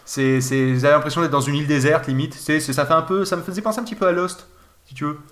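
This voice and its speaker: A man's voice: a little high, steady tone, fast. A man in casual chat, describing a video game with many fillers and restarts. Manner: rambling, hesitant, lots of fillers. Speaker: video game podcast co-host.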